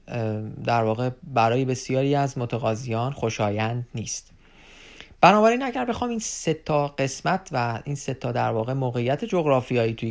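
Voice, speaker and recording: A man giving an unscripted informational talk to viewers as an advisor, addressing them as friends and pausing often on fillers. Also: medium pitch. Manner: unscripted explaining with many filler pauses.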